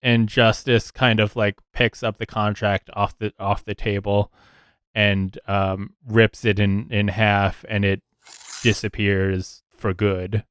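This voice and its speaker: A man's voice: lowish voice, level tone, slow pace, fairly bright tone, clear, resonant tone, no echo, clean studio sound. A man narrating a tabletop game as game master in a casual, rambling way with many fillers.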